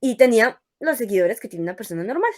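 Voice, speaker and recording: A woman's voice: on the high side, sing-song, fast talker, a little mellow. A young woman, a guest on an interview show, tells her faith testimony in a casual, conversational way and acts out her own past words as she goes.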